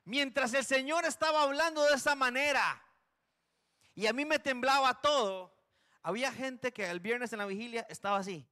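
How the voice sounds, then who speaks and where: A male preacher from Costa Rica delivers a passionate sermon in a church. His voice sits high and rings bright. He swings from urgent, forceful declarations to hushed, low warnings. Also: moderate pace. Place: church sanctuary.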